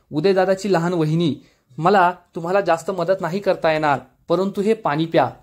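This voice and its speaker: A man's voice: high-pitched, a little mellow. A man retelling a TV serial episode as a story, speaking every character's lines in his own voice. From Maharashtra, India. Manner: narrates, quoting each character's lines himself.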